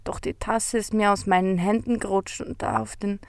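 A woman voicing a sad little male beetle in a storybook, talking in a soft, weepy, sighing way. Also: mid-range voice, steady tone, normal speed, dry recording, natural voice. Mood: sorrowful.

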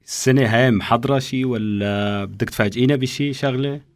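A male radio host greets his listeners and questions his guest in a brisk, friendly way. He talks quickly and the sound is dry and close. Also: medium pitch, dry recording. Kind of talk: radio interview.

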